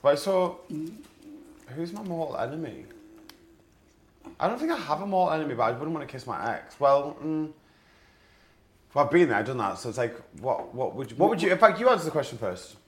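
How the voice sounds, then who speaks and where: A man's voice: fairly high pitch, big pitch swings, a little fast, pauses often. A man in his thirties with a Northern English accent, teasing and bantering on a date and swearing freely. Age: 30s. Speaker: dating show contestant.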